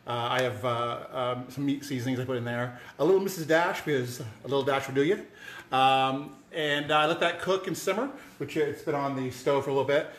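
A man with a mid-range voice and a brisk delivery hosts a home cooking show from his kitchen. He chats casually to the camera and rambles, full of fillers and restarts. The room has noticeable echo.

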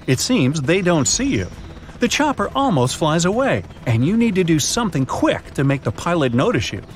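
A man narrating a survival riddle story in the second person, with lively dramatic delivery and quiz questions to the listener. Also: a little high, normal speed, slight background noise. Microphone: studio voice-over.

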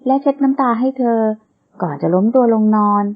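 A woman's voice: a little high, animated, a little fast. Woman narrating a romance novel, tinny. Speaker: audiobook narrator. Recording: tinny phone-like sound.

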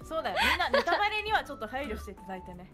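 A woman in casual game-stream chat, quick and playful, jokingly scolding her friends. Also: high-pitched, sing-song, music in the background.

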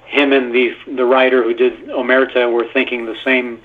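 A Canadian man, a guest actor, calls in for a casual phone interview and tells stories in a rambling way packed with fillers. His voice is medium-pitched and level, at a normal speed, coming through a tinny phone line.

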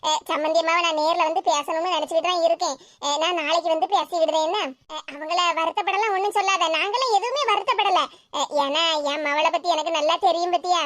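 A woman voicing a calm, reassuring middle-aged mother who speaks gently, with a Tirunelveli Tamil accent. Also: very high voice, fast talker, no echo, clean studio sound. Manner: gentle, soothing.

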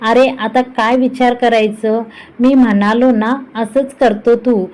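A woman's voice: fairly high pitch, steady tone, unhurried, darkish tone, natural voice, poor audio. A woman voicing a cheeky, talkative young man teasing his older brother in a storybook reading. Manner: chatty, cheeky, playful.

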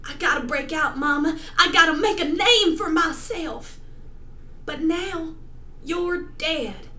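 A woman's voice: very high voice, pushed and bright, heavily acted. A young woman playing a tragic, sorrowful pregnant small-town girl mourning her mother in a melodramatic monologue. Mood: anguished pleading. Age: young adult. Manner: tragic, sorrowful, melodramatic pleading with drawn-out pauses. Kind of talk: overwrought dramatic monologue. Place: small bedroom, indoors. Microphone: webcam at arm's length. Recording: roomy webcam sound, faint noise.

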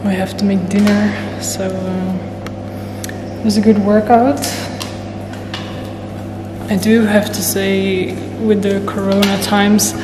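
Woman in her 30s vlogging, slow easy talk w lots of ums, echoey room, bit of hiss. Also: medium pitch, flat delivery. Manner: slow, thoughtful, with pauses and fillers. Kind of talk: casual talk to camera. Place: bright room indoors. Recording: echoey room, faint noise.

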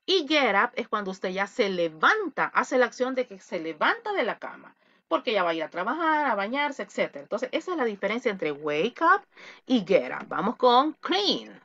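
A woman's voice: medium pitch, very animated, normal speed, fairly bright tone. A woman teaching an English vocabulary class over a video call, explaining patiently and drilling words with playful asides. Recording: dull lo-fi video call audio.

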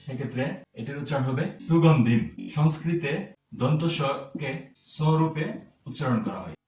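A man giving a slow, careful pronunciation lesson, spelling words out sound by sound. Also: medium pitch, darkish tone, reverberant, far from the mic. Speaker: teacher.

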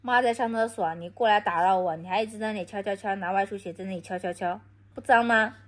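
A woman's voice: mid-range voice, quick pace. A woman from Anhui scolding her toddler at home, repeating baby talk. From Anhui, China.

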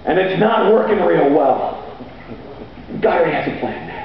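A middle-aged man preaching a sermon on stage with a handheld mic, energetic and sometimes shouting as he paces. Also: a little high, normal speed. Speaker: pastor. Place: large hall stage with band gear, seen from far off. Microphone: handheld mic, far camera. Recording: echoey hall from far off, dull audio, faint noise.

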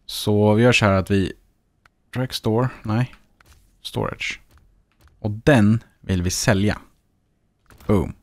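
A man's voice: fairly low pitch, long pauses, darkish tone, no room sound. A man with a Swedish accent giving casual let's-play commentary, chatting and muttering to himself as he plays. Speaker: gaming YouTuber.

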